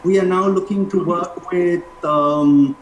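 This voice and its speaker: A man speaks, measured and emphatic, as a guest in a panel discussion. He pauses deliberately between phrases. The audio is echoey, with faint noise. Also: high voice, fairly even intonation. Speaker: panel guest, school alumni representative. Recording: roomy, noisy remote call audio.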